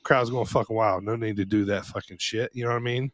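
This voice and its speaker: Podcast co-host: man with a lowish voice, casual and rambling, close dry mic. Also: fairly even intonation, fast talker, dry recording. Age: adult. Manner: rambling, heavy on "you know" and swearing. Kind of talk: casual chat.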